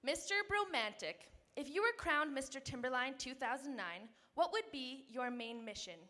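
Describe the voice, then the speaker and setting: A woman's voice: high voice, lively intonation, moderate pace, bright, forceful tone. A woman co-hosting a pageant, putting questions to contestants on stage in an echoey, slightly noisy hall. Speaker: pageant co-host. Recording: echoey hall, some background noise.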